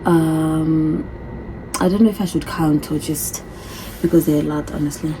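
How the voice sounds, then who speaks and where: With background noise around her, a thirty-something vlogger from a different continent chats through get-to-know-me questions on her phone, reading them out and restating answers. She has a deep, steady voice and speaks a little slowly.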